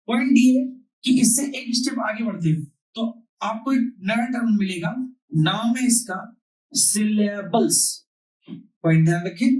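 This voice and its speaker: A man's voice: high-pitched, a little mellow. A man teaching a grammar class. He repeats key points and asks questions that he then answers himself. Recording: roomy, distant mic.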